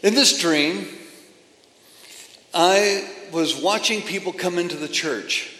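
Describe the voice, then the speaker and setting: A man preaching a sermon with emphatic phrasing and pauses between phrases, addressing a congregation. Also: sits high, pushed and bright. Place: church or meeting hall. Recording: echoey hall from a distance.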